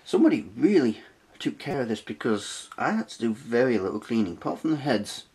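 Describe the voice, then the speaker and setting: Husky and darkish in tone, this British retro tech channel host talks briskly in a sing-song, medium-pitched voice. He chats informally through a casual hands-on review and tutorial at a desk in a small, cluttered room.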